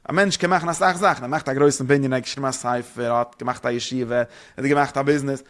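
Fast-talking man teaching a religious lesson. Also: medium pitch, steady tone. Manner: fast and rambling, with rhetorical questions.

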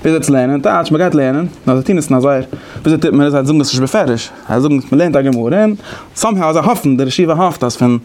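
Fast-talking male lecturer. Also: fairly high pitch, a little mellow. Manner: explains conversationally, thinking aloud. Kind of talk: lecture on interpretation methods.

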